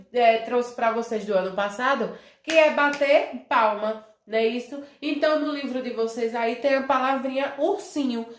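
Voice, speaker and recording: A woman's voice: high-pitched, reverberant. A Brazilian woman teaching young children a review lesson, calling herself auntie and checking in with a tag question after almost every phrase. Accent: Brazilian Portuguese. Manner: speaks of herself as "tia", many tag questions like "né?" and "certo?"; drawn-out syllables when modelling words. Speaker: primary school teacher.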